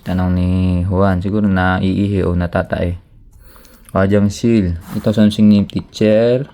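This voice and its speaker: A man gives a relaxed grammar lesson in a fairly low, mellow voice. His tone is smooth and clear, and he jokes with his viewers and switches languages to read example sentences. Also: fairly quick. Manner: casual, joking, switches between languages to give example sentences. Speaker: language teacher.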